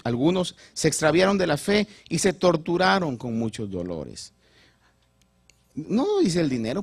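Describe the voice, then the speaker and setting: A male pastor giving a sermon, animated and repeating words while he builds each point. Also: on the high side, vocal fry, no echo.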